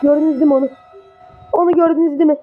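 A woman talks her way through a horror game, muttering and swearing whenever something startles her. Her voice sits high, and the home recording has clear background noise. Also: steady tone, rapid-fire, narrow, tinny audio. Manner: jumpy, mutters to herself, swears when startled. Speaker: gamer playing a horror game. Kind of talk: casual horror game commentary.

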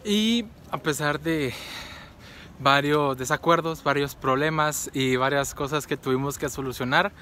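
In this vlog, a young Guatemalan man rambles casually with fillers and restarts, out and about between market and home. His fairly high voice is pushed and bright, a little slow, with a faint hiss or hum behind it.

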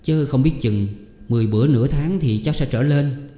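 A man's voice: medium pitch, a little fast, dark tone, voice pushed up, lightly acted. A man voicing a humble young mother who pleads politely with her elders. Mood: pleading. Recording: echoey room with long reverb.

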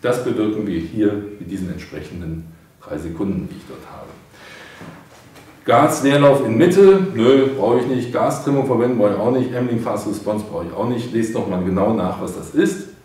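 In a casual hobbyist product demo, a middle-aged man at a studio desk with a painted backdrop informally takes viewers through each step. His fairly low, slightly mellow voice moves at normal speed, with the mic set far away in a very echoey space.

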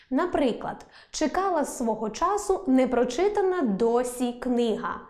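A woman teacher giving a scripted online grammar lesson, saying example words slowly and clearly. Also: on the high side, darkish tone. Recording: echoey room.

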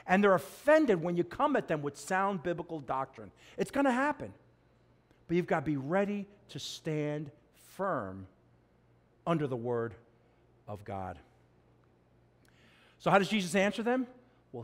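In a sermon from the church pulpit, a middle-aged pastor lets his voice rise high and drop low. He is animated and expressive, moving between loud, emphatic peaks and hushed, quiet passages.

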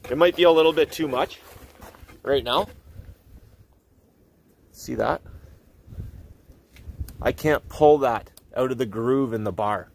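Speaking at medium pitch, a channel host in his forties demonstrates how to maintain a chainsaw in a snowy yard. His manner is relaxed and folksy, full of fillers as he thinks aloud. Camera audio catches clear background noise, and his distance from the mic keeps shifting.

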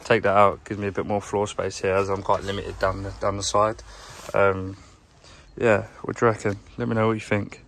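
Filming on a handheld phone, a young plumber narrates his work while sorting his van, rambling at normal speed in a low, gravelly, offhand voice. The vlog is chatty and low-key, shot inside the van and just outside it.

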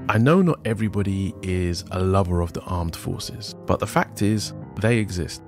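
Gravelly low-voiced man narrating history. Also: a little mellow. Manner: wry, sardonic asides. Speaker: podcast host. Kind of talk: scripted history narration with personal asides.

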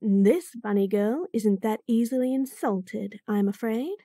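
This F4M roleplay audio features a woman as a sassy, bratty bunny-girl chef who teases the listener in a direct, acted monologue. Her voice is fairly high and mellow, paced in a measured way. Clean, dry studio recording.

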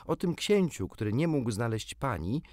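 A man reading a storybook aloud, voicing the eager young boy Peter Pan in a raised, lively boyish voice. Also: mid-range voice, moderate pace, dry recording, clean studio sound, voice pushed up, close to an everyday voice. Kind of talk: audiobook reading.

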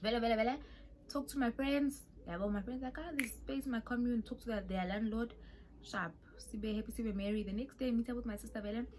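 A young adult woman vlogger with a South African accent tells a dramatic storytime, dropping into whispered asides. Her voice is a little high and brisk, with background noise present.

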